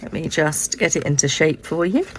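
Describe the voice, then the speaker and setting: A middle-aged woman with a hoarse, croaky frog voice, recovering from illness, explaining a craft step by step in a casual, unhurried way. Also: low-pitched, animated, slight background noise. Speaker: host of a card-making tutorial. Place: indoors at a craft desk.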